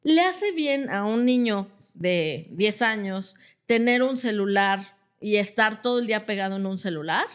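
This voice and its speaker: A woman, a clinical psychologist explaining calmly with everyday examples and checking in with "ajá". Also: mid-range voice, unhurried, clean tone. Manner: acts out quoted parents in a different voice. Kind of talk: conversational explanation.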